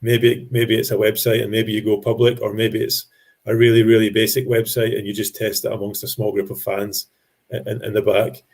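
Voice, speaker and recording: A man giving an explanatory business presentation to an industry audience, speaking in a measured way with frequent ums and restarted phrases. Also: fairly low pitch, level tone, breathy edge.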